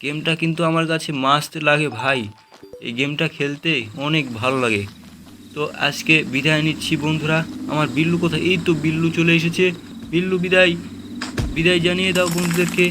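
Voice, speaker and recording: A man hosting a gaming channel, chatting excitedly with viewers as he plays. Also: on the high side, normal speed, noisy background. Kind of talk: game commentary.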